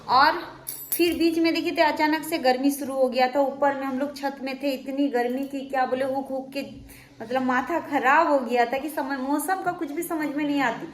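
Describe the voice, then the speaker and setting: A woman's voice: high-pitched, roomy sound, a little hiss or hum. A young woman chatting casually to her viewers in a rambling family vlog at home. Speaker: family vlogger.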